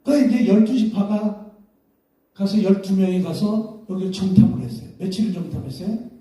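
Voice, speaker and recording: A man's voice: high voice, brisk, warm tone. A man preaching a sermon in a casual, storytelling way, often acting out the voices of the people in his story. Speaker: pastor. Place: church hall. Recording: echoey hall, mic far off.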